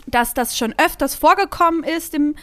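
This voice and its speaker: A woman from Germany telling a workplace story in casual chat, lively and full of fillers. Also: high voice, moderate pace, no echo. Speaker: podcast co-host telling a story.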